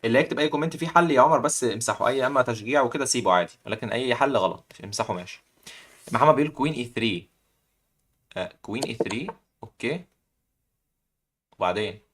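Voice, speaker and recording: A young man with an Egyptian accent hosting a live chess puzzle contest, excitedly cheering the players on. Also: medium pitch, fast, pauses often, slightly rough. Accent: Egyptian Arabic. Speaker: chess stream host.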